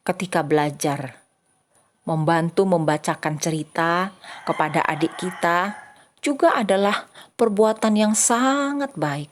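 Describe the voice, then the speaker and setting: A young woman giving a lively children's church sermon, addressing the kids directly and acting out small voices and exclamations. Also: fairly low pitch. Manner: animated, acts out little voices and exclamations for kids.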